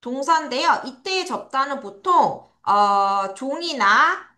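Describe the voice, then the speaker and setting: A woman teaching English vocabulary to children in an online lesson, asking questions and answering them herself, spelling words letter by letter and drawing out each word slowly for pupils to repeat. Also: sits high, animated, bright, forceful tone. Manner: spells words letter by letter, slow drawn-out model pronunciation. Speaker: English teacher at a private academy.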